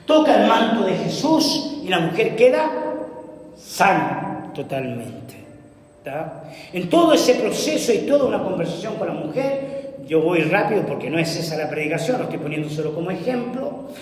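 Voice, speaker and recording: A man preaching a sermon with dramatic emphasis, asking his congregation rhetorical questions. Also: sing-song. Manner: dramatic, emphatic delivery with pauses. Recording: booming echo of a large hall.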